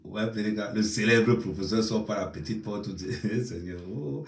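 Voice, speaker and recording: Teasing man with a Cameroonian accent. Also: normal speed. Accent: Cameroonian French. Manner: teasing, mock-consoling, low-key. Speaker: comedic commentator. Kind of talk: mocking live commentary. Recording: roomy echo, distant mic.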